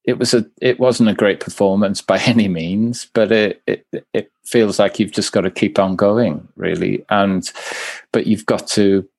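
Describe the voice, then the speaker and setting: A man's voice: on the low side, fairly even intonation, unhurried, creaky, a little mellow, dry recording. A middle-aged man with a Swansea Welsh accent, chatting casually about sport as a podcast pundit. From Swansea, Wales.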